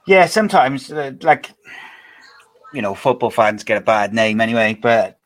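A man's voice: medium pitch, expressive, moderate pace, no echo. A man, interviewing in an informal, conversational way as a podcast host. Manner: informal, frequent "like" and tag questions.

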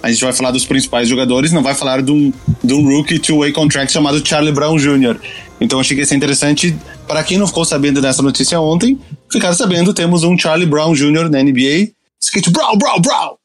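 A man's voice: fairly high pitch, fairly even intonation, fast. A Brazilian man co-hosting a podcast, chatting casually and anecdotally, often doubling back on his phrases. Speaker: podcast co-host.

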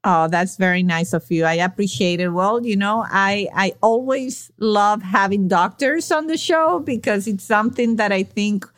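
A woman hosting an interview podcast, her voice at a typical mid pitch for a woman. She leads the talk with curious, inviting questions and an easy conversational flow. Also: normal speed, hardly any pauses. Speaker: podcast host.

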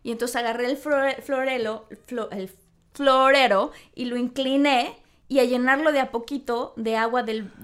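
A woman's voice: on the high side, fairly even intonation, normal speed. A woman with a Mexican accent, chatting casually, reacting to the story and then telling her own. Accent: Mexican Spanish. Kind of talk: casual chat.

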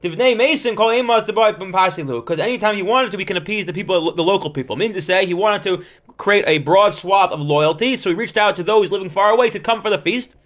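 Man, high voice, Talmud teacher, reads then translates, asks and answers questions. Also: quick pace, a bit bright. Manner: explanatory, stop-and-start, poses questions and answers them. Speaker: religious teacher giving a Talmud class.

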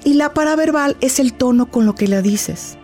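A woman's voice: sits high, normal speed, soft background music. A middle-aged woman, a grief therapist, explaining patiently and acting out little talks with a child. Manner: warm, didactic, acts out little dialogues with a child. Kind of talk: explanatory interview talk.

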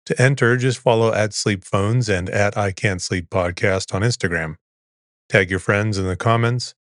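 A man with a soothing, calm and unhurried delivery, reading scripted narration as a podcast host. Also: lowish voice, dry recording, studio quality.

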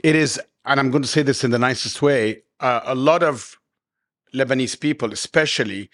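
A man's voice: medium pitch, normal speed, fairly bright tone. Courteous man asking probing questions. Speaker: podcast host, interviewer. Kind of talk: conversational interview.

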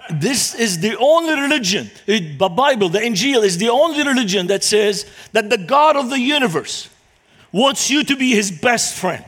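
Guest preacher, higher-pitched man, earnest with jokes. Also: animated, moderate pace, a bit bright. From Lebanon. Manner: humorous, storytelling, earnest. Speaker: guest speaker. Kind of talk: church talk to a congregation.

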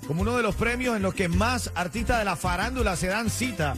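High-voiced Spanish-speaking radio host. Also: male voice, a little fast, music in the background. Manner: animated, repeats words for emphasis. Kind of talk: casual morning radio chat. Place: radio studio.

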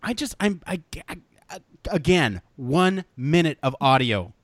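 A young man co-hosting a podcast in casual chat, animated and rambling with restarts. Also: a little high, unhurried, no echo, studio quality. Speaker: podcast co-host.

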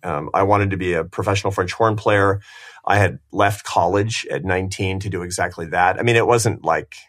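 A man's voice: deep voice, steady tone, moderate pace. A man in his fifties hosting a podcast, telling his story in a reflective, self-deprecating way. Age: 50s. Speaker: podcast host.

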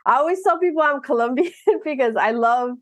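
A woman in her thirties from Miami, talking as a guest in a casual interview, earnest and animated, often restarting her sentences. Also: high-pitched, brisk, no echo. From Miami, United States.

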